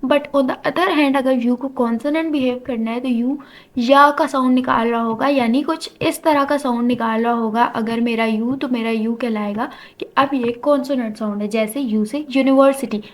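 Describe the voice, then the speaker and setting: Woman, high voice, grammar teacher, patient step-by-step lecture. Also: fairly even intonation, moderate pace. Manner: explains step by step, mixing English terms into her talk. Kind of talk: classroom lecture.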